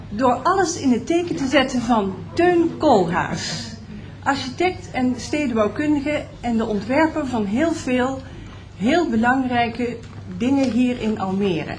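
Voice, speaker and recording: A woman presenting at a building opening, introducing the guests in a measured, welcoming way. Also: a little high, a little mellow. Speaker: event presenter. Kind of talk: formal introduction. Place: event hall at a building opening.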